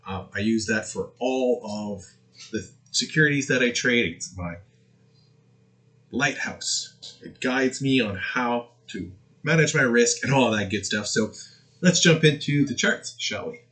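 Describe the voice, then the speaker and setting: A man's voice: mid-range voice, fairly bright tone. A man hosting a trading channel, giving casual chart commentary in a crypto-bro manner, mixing hype with hedging.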